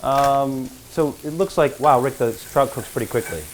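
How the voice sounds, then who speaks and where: A woman hosting a cooking challenge, briskly calling out the time left and quizzing the cooks. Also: a bass voice. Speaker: host. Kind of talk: live cooking-challenge commentary. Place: kitchen with food frying. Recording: noisy kitchen with frying. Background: frying and sizzling.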